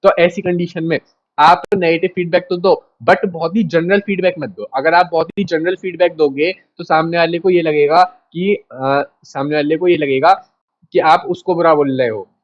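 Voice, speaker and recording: Casual Hindi-speaking teacher, lo-fi sound. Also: male voice, fairly high pitch, steady tone, moderate pace. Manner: informal, repeats points, addresses students directly. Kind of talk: casual lecture.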